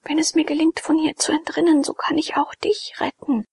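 A woman's voice: sits high, flat delivery, brisk, darkish tone, no room sound, voice pushed up. A woman doing a brave, earnest young girl.

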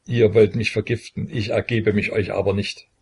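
Man doing a dying prince, delirious, furious, raised husky voice, gravelly, audiobook reading. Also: fairly low pitch, level tone, normal speed, exaggerated voice. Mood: feverish fury. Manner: raised, shouting rage.

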